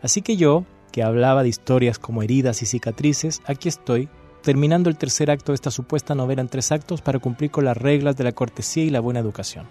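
Faint music runs behind a Chilean man whose medium-pitched, dark voice moves at a quick pace. Invited onto a university radio show, he reads dramatically in an impassioned, repetitive cadence and then discusses a novel in a relaxed way.

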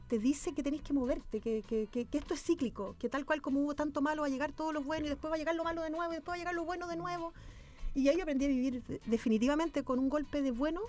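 A middle-aged woman with a Chilean accent, a guest telling a personal story with animation. She acts out the lines of people in her story and repeats words for emphasis. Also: sits high. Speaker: guest businesswoman.

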